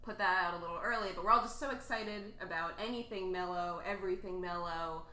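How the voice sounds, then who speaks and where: Spacey corporate brand rep, deadpan and rambling, bright tone, echoey room; a woman plays her. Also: lowish voice, quick pace. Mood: evasive. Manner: rambling, hesitant, repeats "mellow" deadpan. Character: spacey woman brand manager, obsessed with everything being mellow. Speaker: guest playing a spoof brand manager. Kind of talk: improvised comedy bit.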